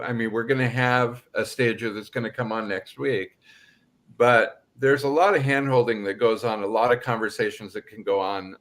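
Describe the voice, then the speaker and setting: Low-voiced older man co-host. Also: a bit bright. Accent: American Pacific Northwest. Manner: earnest, agreeable, short affirmations. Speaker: real estate agent and podcast co-host. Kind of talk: casual chat.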